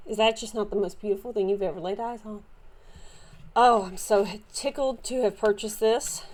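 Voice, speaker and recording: Chatty Southern woman showing her finds. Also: fairly high pitch. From Southern United States. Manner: chatty, meandering, many fillers and restarts. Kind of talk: casual show-and-tell haul.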